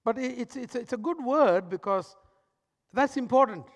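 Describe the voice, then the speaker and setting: A man preaching a sermon as pastor, swinging between loud emphatic lines and hushed, soft ones. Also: very high voice, lively intonation, normal speed, big-room sound.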